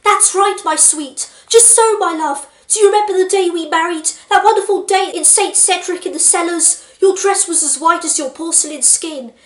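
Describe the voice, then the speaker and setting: A woman's voice: very high-pitched, normal speed, few pauses. A woman voicing a devoted husband who pleads tenderly and earnestly, in an echoey room. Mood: pleading. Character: pleading devoted husband facing zombie wife.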